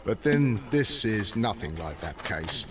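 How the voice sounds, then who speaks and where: A self-assured constable. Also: male voice, lowish voice, very animated, measured pace, recorded from a distance, background noise. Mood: official. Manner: official and matter-of-fact. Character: dutiful, self-assured London police constable.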